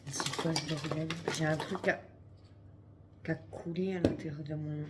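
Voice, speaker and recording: A woman's voice: deep voice, steady tone, normal speed, heavy background noise. A woman vlogging in casual chat to camera, chatty and swearing freely, talking through a headset.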